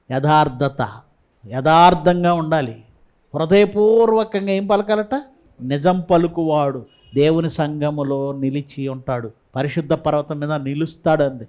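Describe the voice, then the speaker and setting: A male Bible teacher with a rather high voice. He asks the listeners questions and answers them himself. He reads scripture slowly, in an even, explaining tone. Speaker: pastor.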